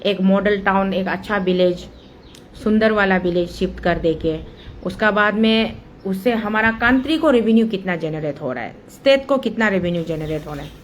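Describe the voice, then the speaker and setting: At medium pitch, a woman activist with an Arunachal accent delivers a fervent monologue on a local dam issue. She lays out a procedure one step at a time, weaving English phrases into her Hindi, over a faint hiss or hum.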